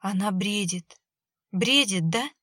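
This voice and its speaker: A woman's voice: mid-range voice, slow, bright, forceful tone, no echo, clean studio sound. A woman voicing an anxious mother whose voice trembles as she pleads over her daughter. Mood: pleading.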